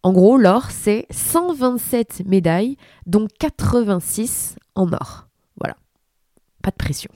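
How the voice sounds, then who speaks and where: A woman in her thirties with a French accent, hoarse from a cold, presenting a sports podcast as its host. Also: medium pitch, expressive, slow pace, dark tone, dry recording, studio quality. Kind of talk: introducing and hosting a sports podcast.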